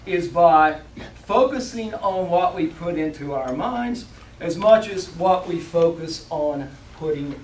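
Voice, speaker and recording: A man giving a rehearsed motivational speech to an audience, with deliberate, emphatic phrasing and dramatic pauses. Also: on the high side. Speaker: competition public speaker. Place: indoor room, speaking to a live audience. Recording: roomy, distant mic, faint background noise.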